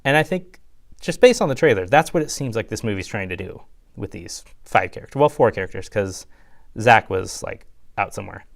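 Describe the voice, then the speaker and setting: Young guy rambling through a trailer review, lots of "like" and "you know", pitch jumps up when he's hyped. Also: expressive, fairly quick, gravelly. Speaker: YouTube reviewer. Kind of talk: casual solo review.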